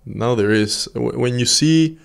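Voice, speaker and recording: A young man from Ecuador talks casually as a guest in a podcast interview. His voice sits at an ordinary pitch for a man. He sounds relaxed and repeats words while he gathers his thoughts. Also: a little slow, vocal fry. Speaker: racing driver guest.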